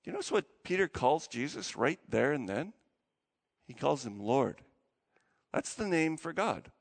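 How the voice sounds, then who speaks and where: A man, a pastor giving a sermon in a chatty, storytelling way. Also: high voice. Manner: conversational, animated storytelling. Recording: long church hall reverb.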